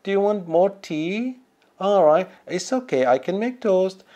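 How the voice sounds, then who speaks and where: A man's voice: high-pitched, animated, measured pace, dark tone, dull audio, pitched above the performer's own voice. A man voicing a hospitable Scottish woman who runs a bed and breakfast, with a put-on Scottish accent and a fussing, raised voice. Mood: fussing kindly.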